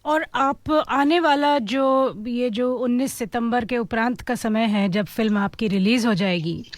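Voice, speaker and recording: A woman hosting an interview, asking long questions in formal, measured wording. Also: a little high, no echo. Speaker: host.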